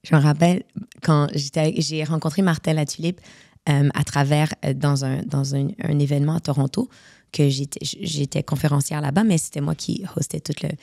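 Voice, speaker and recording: A woman's voice: low-pitched, brisk, gravelly, no room sound, clean studio sound. A woman from Morocco, a coach, talking casually in an interview and dropping English words into her speech. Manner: mixes English words into French, animated. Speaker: guest speaker and coach.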